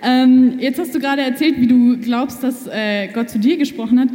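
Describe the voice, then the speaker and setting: Woman interviewer, high and mellow, encouraging, heard from afar in a reverberant room. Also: steady tone, moderate pace. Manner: encouraging, hesitant fillers. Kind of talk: casual interview questions. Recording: distant and echoey, long reverb.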